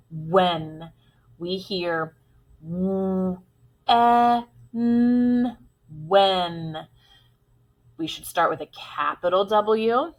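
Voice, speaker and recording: A woman leads a phonics lesson for young children. She speaks at an unhurried, deliberate pace. She stretches out each word and sounds it out carefully. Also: mid-range voice, fairly bright tone. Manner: slow, clearly sounded-out words for children. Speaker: teacher.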